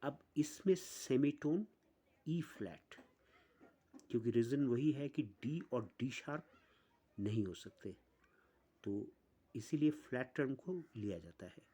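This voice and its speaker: A man teaching an online music lesson, explaining step by step with pauses. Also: medium pitch, lively intonation, dark tone, breathy edge.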